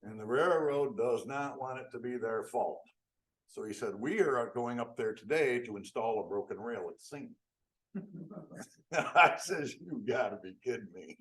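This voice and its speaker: An older man from upstate New York spins a folksy tale for a club meeting. His voice sits a little low. He acts out the quotes with rising excitement. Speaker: guest speaker. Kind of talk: storytelling talk.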